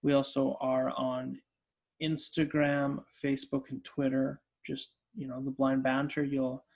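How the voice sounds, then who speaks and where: Man with a gravelly, monotone voice, steady podcast co-host. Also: mid-range voice, a little slow. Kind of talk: casual chat.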